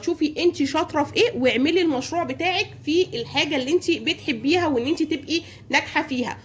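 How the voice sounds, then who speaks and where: A young Egyptian woman chats in a casual advice vlog, her voice high and her words tumbling out fast. She keeps posing questions to herself and answering them, repeating her points. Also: husky. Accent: Egyptian Arabic. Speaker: home savings vlogger.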